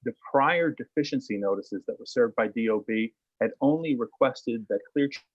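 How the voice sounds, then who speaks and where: A man's voice: mid-range voice, dry recording, lo-fi sound. A man testifying as an attorney at a public hearing, his video call audio breaking up and dropping out. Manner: measured, with frequent "uh" fillers. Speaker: attorney for the applicant.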